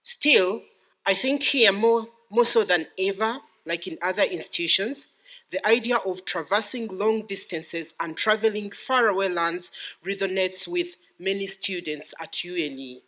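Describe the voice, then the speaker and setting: Man, Ugandan accent, middle-aged, formal podium speech, bright forceful voice, deliberate ceremonial phrasing. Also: sits high. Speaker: graduating PhD student giving vote of thanks.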